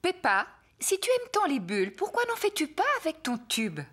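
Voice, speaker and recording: A woman voicing a kindly, practical mother pig in a preschool cartoon dub, gentle and encouraging. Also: high-pitched, wildly swooping pitch, normal speed, heavily acted.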